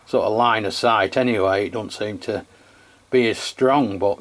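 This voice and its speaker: An English man hosts a radio channel, chatting casually while testing equipment hands-on. His voice is lowish and moves at a normal speed.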